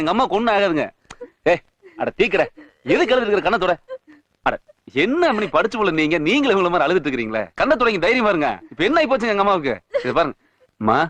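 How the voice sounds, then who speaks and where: A devoted village son, lively and pleading. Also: male voice, high voice, no room sound. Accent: Tamil Nadu rural. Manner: pleading, tearful, earnest. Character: devoted village son comforting weeping relatives. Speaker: film actor. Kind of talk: Tamil film drama acting. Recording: film soundtrack over loud music.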